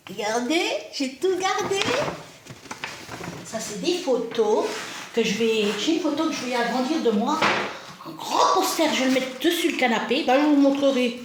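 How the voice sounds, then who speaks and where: A woman's voice: a little high, animated, measured pace, long pauses, background noise. Chatty, self-mocking woman in an echoey room. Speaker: home vlogger. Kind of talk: casual chat while decorating a shelf. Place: indoors at home.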